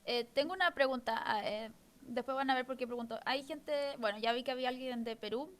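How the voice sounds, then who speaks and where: A woman with a Chilean accent speaks as a guest journalist over a video call. Her voice sits fairly high and her manner is friendly and conversational. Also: quick pace.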